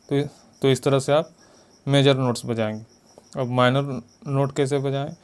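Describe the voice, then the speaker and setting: A man's voice: mid-range voice, fairly even intonation, a little slow, clean tone. A man teaching piano step by step, patiently repeating finger counts and note names. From India. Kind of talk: step-by-step music lesson. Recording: loud piano behind voice. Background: loud piano playing.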